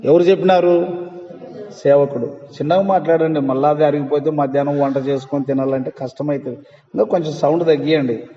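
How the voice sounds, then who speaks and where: High-voiced man preaching in an echoey hall. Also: steady tone, a little fast. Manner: emphatic preaching, quizzes the congregation. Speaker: pastor. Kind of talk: sermon. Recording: echoey hall, muffled lo-fi sound.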